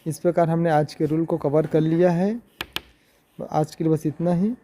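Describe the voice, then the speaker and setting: A man's voice: fairly high pitch, flat delivery, normal speed, warm tone, a little hiss or hum. A man teaching English pronunciation in a video lesson, going through words one by one with their meanings and repeating points as he explains.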